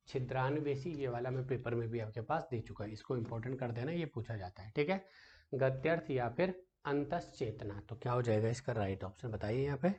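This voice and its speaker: A man's voice: medium pitch, darkish tone. Man teaching an online exam-prep lesson. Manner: repeats "ठीक है" often and asks rhetorical questions; addresses students as "बेटा", patient explaining. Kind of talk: exam-prep lesson, quizzing students on spelling.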